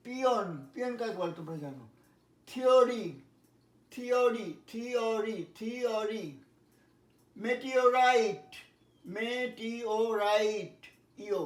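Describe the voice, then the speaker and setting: A man teaching English pronunciation, spelling words letter by letter and repeating each one slowly. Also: high voice, recorded from a distance. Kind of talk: pronunciation lesson. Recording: echoey room, voice from off-mic.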